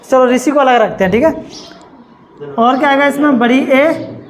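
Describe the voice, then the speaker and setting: High-voiced, emphatic male teacher. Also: moderate pace, poor audio. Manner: emphatic, keeps asking "ठीक है?" to check with students; self-assured, insists others taught it wrong. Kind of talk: classroom lecture. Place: classroom with students.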